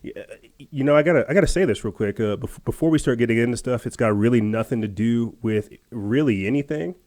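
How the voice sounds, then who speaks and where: A man's voice: mid-range voice, fairly quick, darkish tone. A man hosting a podcast, telling a casual story in a rambling, chatty way with lots of fillers and restarts. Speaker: podcast host.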